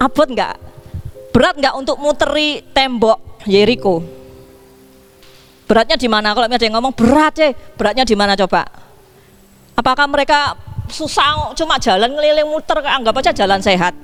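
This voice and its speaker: A woman pastor preaching a sermon in a lively way, asking her congregation questions. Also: on the high side, normal speed, long pauses, soft background music. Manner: lively, asks the congregation questions, acts out dialogue. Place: church.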